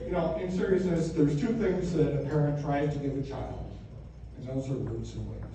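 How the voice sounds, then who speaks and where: A man's voice: on the high side, moderate pace. An American man in his fifties or sixties giving a joking, conversational father of the bride speech at a wedding reception, landing his punchlines with emphasis. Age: 50s or 60s. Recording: echoey room from far off, noisy.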